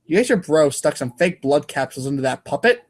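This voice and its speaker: This man, a podcast co-host and reader, delivers comic narration in a brisk, sing-song voice pitched on the high side. He's casual and irreverent about it, tripping over a line here and there.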